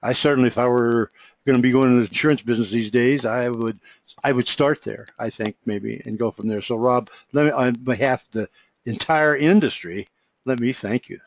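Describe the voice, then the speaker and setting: A man's voice: medium pitch, a little fast, highs cut off. A man hosting an interview, speaking with hesitant, effusive enthusiasm. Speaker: host. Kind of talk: podcast interview.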